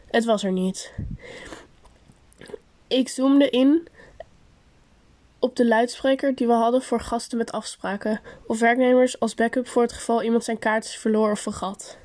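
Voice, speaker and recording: A woman reading a first-person story aloud in a steady, unhurried way with pauses. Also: on the high side. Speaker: story narrator.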